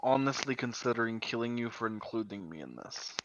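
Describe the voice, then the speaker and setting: A man's voice: mid-range voice, expressive, fairly quick, a bit bright, close to an everyday voice. A man voicing a weary, resentful adventurer in a tabletop game, blunt and threatening, on a dull mic. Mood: weary resentment. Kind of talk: tabletop role-play.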